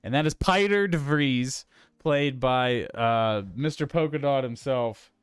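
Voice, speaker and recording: Male podcast co-host, rambling and hesitant, smooth voice, dry close recording. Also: mid-range voice, a little slow, dry recording. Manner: rambling, hesitant, many fillers and restarts. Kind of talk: casual film podcast chat.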